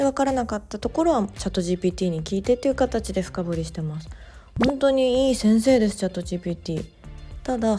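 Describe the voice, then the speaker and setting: A woman narrating her vlog in a relaxed voice-over, chatty and gently enthusiastic, with soft fillers. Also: mid-range voice. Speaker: bookstore owner vlogger.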